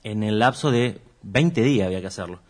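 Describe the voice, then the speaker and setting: A man's voice: lowish voice, lively intonation, a little fast. A man, a musician guest chatting casually and rambling a little on a radio show. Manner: rambling, chatty, self-deprecating. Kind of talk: casual radio interview chat.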